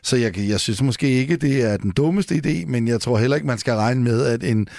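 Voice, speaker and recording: Male radio guest, creaky voice, dry, slow to find words. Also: mid-range voice, darkish tone, dry recording. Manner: deliberate, searching for words. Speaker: studio guest, commentator. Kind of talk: radio discussion.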